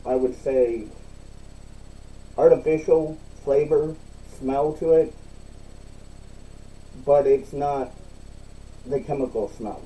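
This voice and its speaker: Casting: male reviewer, very mellow dark tone, unhurried halting delivery, mic a bit far off. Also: mid-range voice. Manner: halting, repeats himself. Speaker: product reviewer. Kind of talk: casual, unscripted online review.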